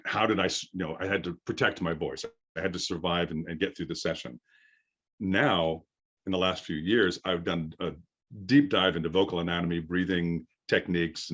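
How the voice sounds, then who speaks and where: A deep, firm-voiced middle-aged man, a voice acting coach, explains things in a casual workshop lecture, hesitating and pausing to gather his thoughts. His voice is slightly bright, and the audio lacks high frequencies.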